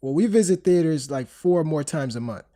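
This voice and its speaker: Stuffy from a cold, a thirty-something man hosts a casual podcast chat in an expressive, warm voice that sits on the high side, speaking at normal speed. He talks loosely, with frequent fillers and restarts.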